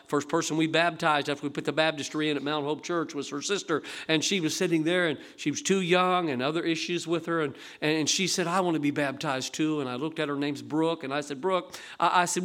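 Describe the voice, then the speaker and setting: High, bright-voiced preaching pastor. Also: male voice, quick pace, hardly any pauses. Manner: animated preaching, acting out voices from stories. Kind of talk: sermon. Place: church sanctuary.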